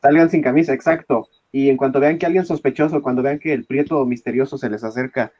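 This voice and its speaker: Deadpan man giving mock advice. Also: mid-range voice, fast, no echo, muffled recording. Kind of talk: casual chat.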